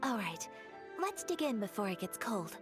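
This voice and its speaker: A woman's voice: medium pitch, big pitch swings, normal speed, close to an everyday voice. A woman voicing a refined, earnest young noblewoman in a game, speaking in a formal and polite way. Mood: gracious. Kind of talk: game character dialogue. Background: game music.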